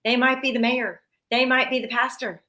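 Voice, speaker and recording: Engaged woman host, slightly high voice. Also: flat delivery, moderate pace, bright, forceful tone. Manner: engaged, agreeing, builds on the guest's points. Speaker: interview host. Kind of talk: conversational interview.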